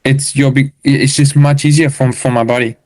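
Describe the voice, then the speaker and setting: A man's voice: medium pitch, steady tone, normal speed, darkish tone. A man with a South African accent, a motocross racer explaining things step by step in a casual podcast interview. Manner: matter-of-fact, explains step by step.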